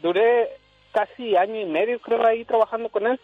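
A man, calling into a radio show and telling a story in a lively way, acting out what people said. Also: high voice, a little fast, no echo, faint music behind. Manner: animated, acts out dialogue. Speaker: radio caller. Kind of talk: casual storytelling on air. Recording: dull lo-fi radio sound.

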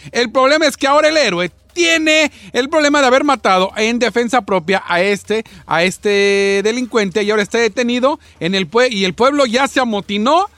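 A man with a very high, bouncy voice reads news stories and banters with his co-hosts, teasing and quick to cut them off. His tone is bright and sharp, recorded dry and close with faint music underneath. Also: dry recording. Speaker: news reader on a comedy panel. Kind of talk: playful news reading and banter.

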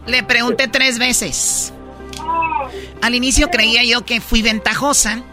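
A woman's voice: a little high, steady tone, measured pace, pushed and bright. Mexican female co-host, sassy and blunt, music behind. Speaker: game show co-host. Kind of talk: comedy game show banter.

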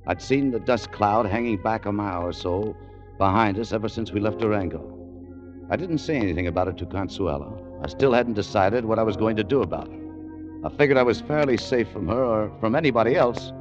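Brief: male actor as a low, laconic tough guy narrating, old radio with score behind. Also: lively intonation, a little fast, close to an everyday voice. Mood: brooding. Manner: laconic, wry, hard-boiled. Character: American adventurer, dry and wary. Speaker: lead and narrator of the story. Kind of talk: 1940s radio acting. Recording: lo-fi old radio broadcast with music bed.

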